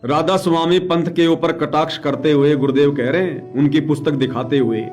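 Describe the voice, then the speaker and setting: A man's voice: on the high side, steady tone, normal speed, darkish tone, faint music behind. A man giving live religious commentary, urgent and emphatic, repeating phrases for stress. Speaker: devotional live streamer.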